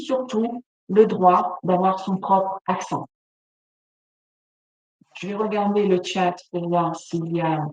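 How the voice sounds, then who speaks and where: A woman with a lowish, mellow voice presents a webinar as a business facilitator, speaking spontaneously with many fillers and restarts. She's picked up by a distant mic in an echoey room with faint noise.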